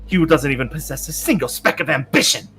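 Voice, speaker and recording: A man's voice: on the high side, lively intonation, quick pace, sharp tone, husky, soft background music, full character voice. A man voicing a contemptuous retainer from a video game in a formal, disdainful, declamatory manner. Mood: scornful. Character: contemptuous retainer sneering at a pampered young master. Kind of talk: reading video game dialogue in character.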